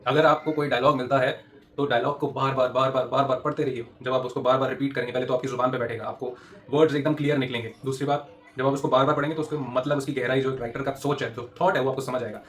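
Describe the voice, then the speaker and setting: A man in his thirties speaks at a quick, tumbling pace, mid-pitched and conversational. He shares tips with aspiring actors in a loose, animated coaching chat, full of fillers. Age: 30s. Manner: fast, chatty, animated storytelling with frequent fillers and laughs. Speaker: TV actor giving acting tips. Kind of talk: casual advice talk to aspiring actors.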